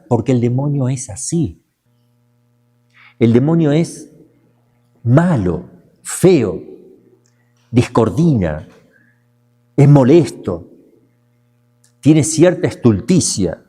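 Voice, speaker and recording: A man, a priest, teaching a class in a lively, emphatic way, repeating words and slipping into brief mocking voices. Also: medium pitch, breathy edge. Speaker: priest teaching a demonology course. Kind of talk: lecture class.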